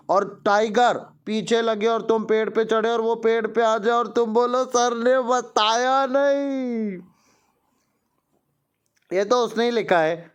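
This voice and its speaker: A man with an Indian accent and a high-pitched voice runs a children's English lesson. He speaks slowly and deliberately, drilling each word before explaining it in Hindi. His tone is that of a coaching tutor addressing his students. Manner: promotional asides to paying students. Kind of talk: teaching a class-one English lesson in Hindi and English.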